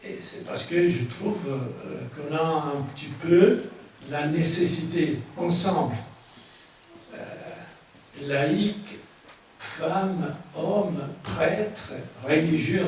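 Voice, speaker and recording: An older man, a non-native French speaker with a foreign accent, giving a public lecture in a halting way, searching for his words. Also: a little high, a little mellow. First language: not French. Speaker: guest speaker, book author. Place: large echoing room at a public conference. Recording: very echoey hall, distant mic, faint noise.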